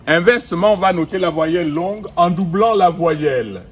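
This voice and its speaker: A middle-aged man giving a recorded language lesson outdoors, speaking slowly and deliberately and repeating each vowel and example word. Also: high voice, animated. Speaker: language teacher. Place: outdoors in the sun.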